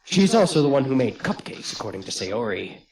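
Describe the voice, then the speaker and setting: A man hosting a let's play, reading the game's text aloud in an expressive way. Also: medium pitch, fairly quick, a crowd in the background. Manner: expressive, often laughing between lines.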